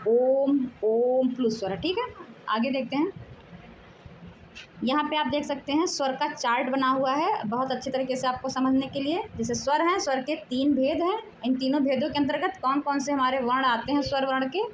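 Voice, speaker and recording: A high-voiced woman gives a patient classroom grammar lesson. She draws out each sound and poses questions before answering them, with a faint hiss of noise behind her. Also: poor audio. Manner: explanatory, drawn-out syllables, asks questions then answers. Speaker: Hindi teacher.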